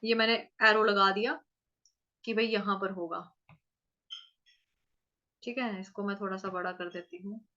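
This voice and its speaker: A woman teaching verse pronunciation in an online class, patiently sounding out each syllable slowly. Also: medium pitch, steady tone, bright, forceful tone, highs cut off. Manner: patient, drawn-out syllable-by-syllable demonstration. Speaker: Sanskrit recitation teacher.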